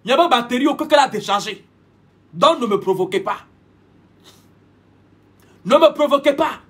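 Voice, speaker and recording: A man's voice: extremely high pitch, expressive, normal speed, slightly rough. A man giving a preachy, repetitive live-stream monologue, switching languages mid-sentence. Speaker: livestream host.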